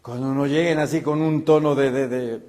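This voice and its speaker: A male pastor preaching a sermon, animated and acting out the voices he quotes. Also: mid-range voice, normal speed.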